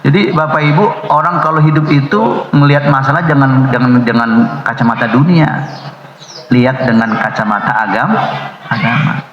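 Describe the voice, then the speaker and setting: A man's voice: medium pitch, moderate pace. A middle-aged man preaching a Ramadan dawn sermon, joking and acting out little dialogues. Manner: joking, storytelling, acts out dialogue. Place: mosque hall. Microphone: recorded off a loudspeaker upstairs. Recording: muffled echoey loudspeaker recording. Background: children's noise.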